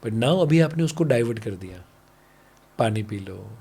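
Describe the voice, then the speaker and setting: On a podcast, a parenting coach from India plays out conversations between parent and child, switching between Hindi and English. He has a lowish, gravelly, mellow, husky voice with lively intonation and an unhurried delivery.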